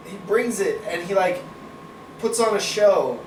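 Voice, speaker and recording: Man, casual podcast co-host, opinionated, high voice, echoey room, mic far off. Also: expressive, measured pace. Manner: opinionated, swears casually, acts out quotes. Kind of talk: casual wrestling review chat. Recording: roomy, distant mic, noisy background.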